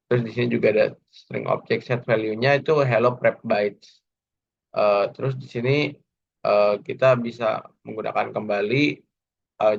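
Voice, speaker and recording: A young man presents a class assignment, reading slides and filling pauses with hesitant sounds. His voice sits low, husky and a little gravelly. The recording is dull and lo-fi. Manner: reads slides, many hesitant fillers. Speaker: student presenter.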